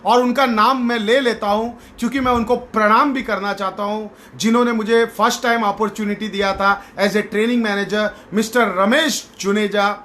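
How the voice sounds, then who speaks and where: A middle-aged man, a sales trainer, telling a motivational story on a live stream and mixing Hindi with slow, stressed English phrases. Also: high voice, fairly even intonation, bright, forceful tone.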